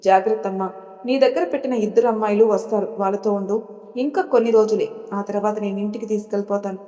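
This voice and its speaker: A woman's voice: medium pitch, steady tone, quick pace, warm tone, natural voice. Woman voicing a curt, commanding young husband. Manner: curt, authoritative. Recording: reverberant room.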